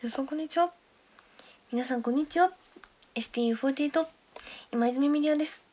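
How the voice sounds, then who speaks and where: A woman's voice: high voice, fast talker, darkish tone, natural voice. Woman mimicking a chirpy young idol greeting. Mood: cheery greeting. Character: young female idol's self-introduction greeting.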